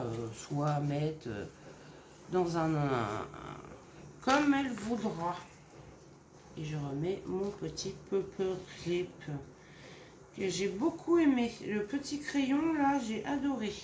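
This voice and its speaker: A woman from Normandy in France, casually showing her handmade crafts in a gentle, hesitant way with many fillers. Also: mid-range voice. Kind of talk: casual craft show-and-tell. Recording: roomy echo, faint background noise.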